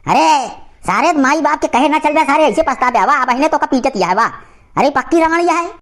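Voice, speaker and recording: A woman voicing an angry old male village uncle in an animated cartoon comedy, ranting and scolding in an Awadhi accent. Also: sits high, a little fast. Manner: loud scolding, cursing rant.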